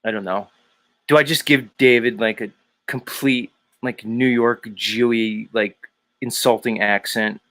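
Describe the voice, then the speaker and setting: A man's voice: medium pitch, steady tone, unhurried, a bit bright, no echo. A man hosting a casual livestream, talking crudely and mockingly and laughing often. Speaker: streamer host.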